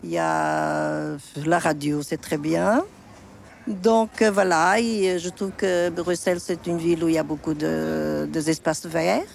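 An older woman of Portuguese origin with a gravelly voice gives her opinions openly and without fuss. She speaks plainly in a street interview, and faint noise sits beneath her words. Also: on the low side, lively intonation, measured pace. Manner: frank, plain-spoken, opinionated.

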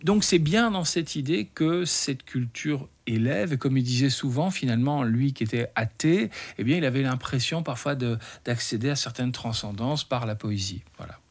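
A man's voice: mid-range voice, normal speed, hardly any pauses. Hesitant man, fifties. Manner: hesitant, many fillers and restarts. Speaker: interview guest, teacher trainer. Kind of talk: radio interview conversation.

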